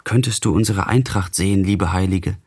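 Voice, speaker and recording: A man voicing a gentle, devout young woman full of grief in a literary radio reading, his voice husky. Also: sits low, moderate pace. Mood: tender grieving.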